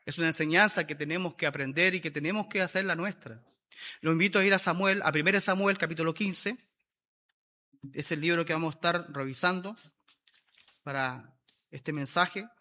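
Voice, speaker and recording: A man's voice: a little high, normal speed, pauses often, sharp tone. A man preaching a sermon, emphatic and repeating his key phrases for weight.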